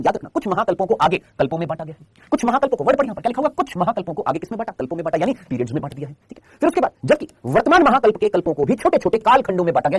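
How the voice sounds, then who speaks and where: A man with a high, very lively voice races through a live online biology lesson in Hindi, firing questions at his students and answering them himself. His voice is a little husky. It sounds close and dry, with no room echo. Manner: quizzing students with constant rhetorical questions. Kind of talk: live online class lecture.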